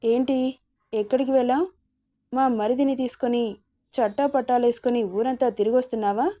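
A woman's voice: a little high, fairly even intonation, fairly quick, warm tone, close to an everyday voice. A woman voicing a haughty sister-in-law who taunts and threatens a maid. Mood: scornful.

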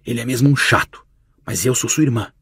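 A man voicing a young princess, a gentle and doting older sister, who speaks in a soft, hushed whisper. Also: medium pitch, fairly quick, husky, no room sound, clean studio sound. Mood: tender whisper.

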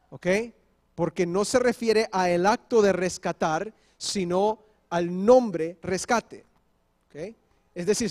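A male pastor preaching a sermon, explaining step by step and often checking in with the congregation. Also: high-pitched. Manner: switches briefly into English. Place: church.

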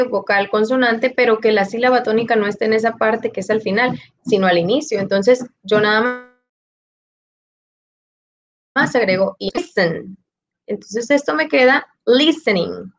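Teacher lady, highish voice, explains slow and patient, asks ok? a lot, muffled lo-fi sound. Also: slight background noise. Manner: explains step by step, repeats key points, ends with "ok?". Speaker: English teacher. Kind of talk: recorded grammar lesson. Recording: dull lo-fi sound.

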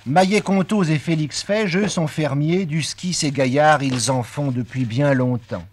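A man's voice: on the high side, unhurried, slight background noise. A man narrating a television documentary report in a lyrical, playful, polished manner.

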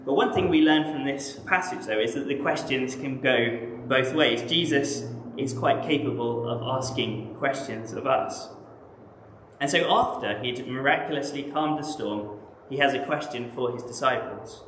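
A man with an English accent preaching a sermon in a measured, reflective way, often posing rhetorical questions. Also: medium pitch, a bit bright, reverberant, a little hiss or hum, poor audio. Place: church.

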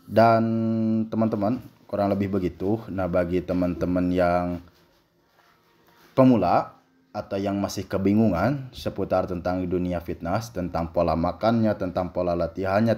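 A man's voice: sits low, warm tone. A young man chatting casually through his workout as a fitness vlogger, explaining while he lifts and dropping in loose English phrases, recorded by a camera set up across a large indoor gym. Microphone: camera on a stand at a distance.

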